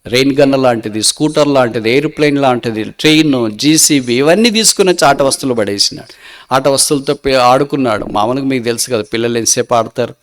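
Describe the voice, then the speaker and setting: Male preacher, Andhra Telugu accent, mid-pitched; animated sermon storytelling that acts out the dialogue. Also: quick pace. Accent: Telugu, Andhra Pradesh. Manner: animated storyteller acting out dialogue, rising to loud emphatic peaks.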